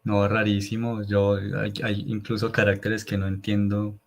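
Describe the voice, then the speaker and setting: Male student, low and even delivery, chiming in during a lesson. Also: measured pace. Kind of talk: class discussion.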